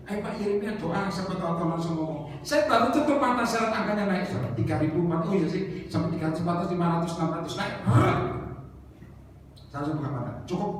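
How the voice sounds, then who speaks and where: A man preaching a sermon, telling stories lively and acting out the voices of the people in them. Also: fairly high pitch, slight background noise. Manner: lively storytelling, acting out voices, joking with the congregation. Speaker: evangelist preacher. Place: church hall. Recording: roomy hall echo, heard from a distance.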